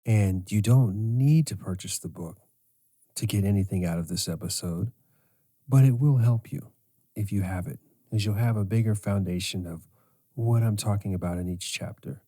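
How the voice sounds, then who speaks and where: A middle-aged man hosting a podcast as a sleep coach, speaking in a slow, measured way. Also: lowish voice, warm tone. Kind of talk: scripted podcast monologue.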